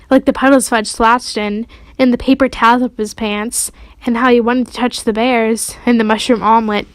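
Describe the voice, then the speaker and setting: A woman reading a children's chapter book aloud with expressive storytelling. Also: fairly high pitch, no room sound. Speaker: audiobook reader.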